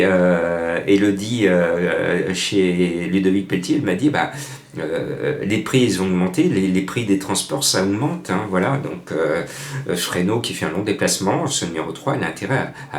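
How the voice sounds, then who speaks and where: A man giving horse racing betting tips in a lively, chatty monologue, talking straight to his listeners. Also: deep voice, reverberant.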